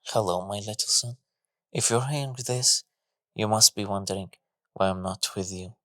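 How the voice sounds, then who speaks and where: A man's voice: lowish voice, normal speed, fairly bright tone, no room sound, studio quality, lightly acted. A man voicing a grieving father whose voice cracks with emotion, speaking tenderly. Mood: heartbroken. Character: grieving, loving father on the run.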